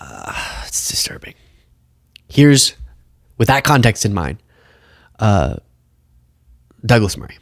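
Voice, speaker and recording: A man's voice: on the low side, sing-song, slow, gravelly, pauses often, no room sound, whispered, clean studio sound. Sarcastic man hosting commentary. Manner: sarcastic, mocking impressions. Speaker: political commentary host. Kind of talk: casual commentary reacting to clips.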